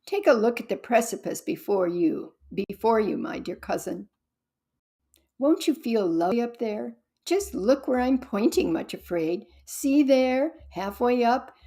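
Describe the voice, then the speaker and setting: A woman reading aloud voices a male villain who mocks and taunts his cousin in a low, quiet, gloating tone. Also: breathy edge. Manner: mocking, gloating.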